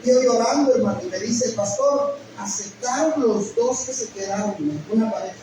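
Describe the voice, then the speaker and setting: Pastor preaching in an echoey hall. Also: male voice, high voice, fairly quick. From Guatemala. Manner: emotional storytelling, addresses listeners as brother. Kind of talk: sermon testimony. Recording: echoey hall, mic at a distance, noisy.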